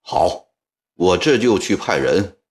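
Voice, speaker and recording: A man's voice: low voice, animated, slow pace, voice pushed down. A male storyteller voicing an irritable official assistant who speaks curtly. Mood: impatient. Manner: curt, irritable.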